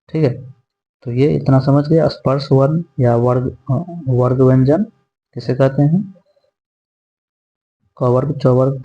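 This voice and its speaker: A man's voice: mid-range voice, warm tone. A man teaching a grammar lesson, patiently repeating each point and putting questions to his students. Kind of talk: classroom lesson explaining grammar. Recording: dull lo-fi sound.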